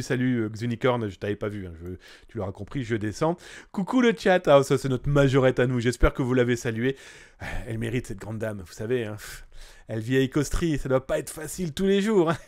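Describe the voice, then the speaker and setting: A man hosting a live cybersecurity news stream in a casual, jokey way, greeting viewers by name and reading their comments aloud. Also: mid-range voice. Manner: lively, swings between bursts and quiet asides.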